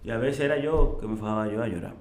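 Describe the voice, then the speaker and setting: A middle-aged man with a Dominican accent, a chef telling his story in a casual interview, animated and emotional, acting out what others said. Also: on the low side, quick pace. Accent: Dominican Spanish. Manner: animated, acts out quoted voices, emotional. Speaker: chef and restaurant owner, guest. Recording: echoey room.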